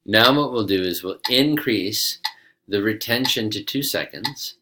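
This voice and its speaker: A man giving methodical yoga breathing instruction as a teacher, explaining and guiding in a measured way. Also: fairly low pitch, noisy background. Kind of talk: instructional explanation with guided counting.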